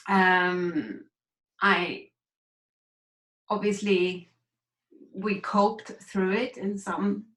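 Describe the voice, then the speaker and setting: A woman's voice: medium pitch, a bit bright, reverberant, rough recording. A woman from Sweden, a grief recovery coach, telling her story candidly and reflectively as an interview guest. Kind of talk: conversational interview.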